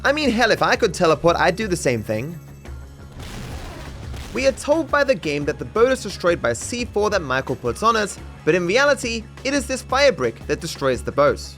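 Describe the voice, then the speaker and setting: Over game footage and background music, this man delivers scripted comedy commentary with dry, sarcastic mock-seriousness. His high, fairly bright voice is very animated, moving at normal speed.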